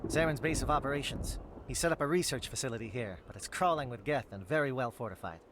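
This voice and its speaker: Man as Captain Kirrahe, fast-talking alien officer. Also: medium pitch, background noise, lightly acted. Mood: grave briefing. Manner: rapid, clipped, authoritative. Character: brisk alien military captain, urgent and clipped. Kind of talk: video game dramatic dialogue.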